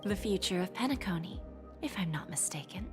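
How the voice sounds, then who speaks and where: A woman voicing a poised, courteous corporate negotiator in a video game, composed, polite and measured. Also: on the low side, lively intonation, natural voice. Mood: cool, composed. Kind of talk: video game story acting. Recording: long reverb, music behind.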